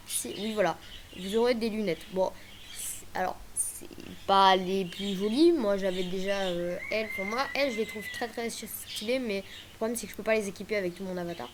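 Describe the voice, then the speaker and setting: A woman's voice: mid-range voice, slight background noise. A woman chatting casually through a game tutorial, hesitant, with many fillers and restarts. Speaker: gaming video creator.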